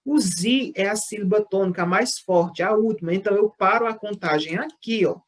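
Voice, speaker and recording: A woman's voice: mid-range voice, moderate pace. A woman teacher with a Brazilian Portuguese accent, patiently explaining a lesson and counting syllables aloud. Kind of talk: online class lesson.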